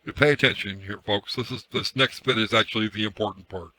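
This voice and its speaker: Man through a bright voice changer. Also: lowish voice, quick pace. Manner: irritated, swears, repeats himself. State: hoarse from screaming. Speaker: live streamer. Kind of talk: ranting livestream commentary. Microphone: headset.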